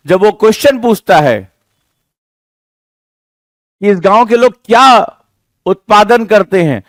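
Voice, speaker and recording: A man lecturing a classroom of exam students, his voice pitched high for a man. He talks in an emphatic, rhetorical way, teasing and scolding his listeners as he drives each point home. The sound is dry and close. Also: no echo. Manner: emphatic, rhetorical, scolding-but-jokey teacher talk. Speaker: exam coaching teacher.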